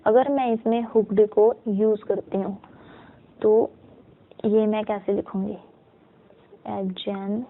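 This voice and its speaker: A woman's voice: medium pitch, little pitch movement, a little hiss or hum. A woman teaching a shorthand lesson, patiently sounding out words syllable by syllable, mixing in English terms and often checking in with the class. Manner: slow and patient, checks in with "ठीक है"; mixes Hindi with English terms. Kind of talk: step-by-step lesson. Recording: tinny narrow-band audio.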